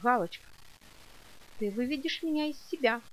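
Worried soft-hearted mom voiced by a woman reader, pleading and confused, a bit high. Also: animated, moderate pace, low-quality recording. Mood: bewildered. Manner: pleading, perplexed questions. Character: gentle bewildered mother, worried and soft-hearted.

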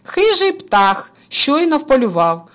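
A cheerful, teasing big brother with a hunting rifle, bright and upbeat in a high, lively storybook voice, as a woman puts him on. He jokes easily and sounds untroubled. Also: takes it slowly, heavily acted. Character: cheerful boy's older brother, a hunter. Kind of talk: storybook reading.

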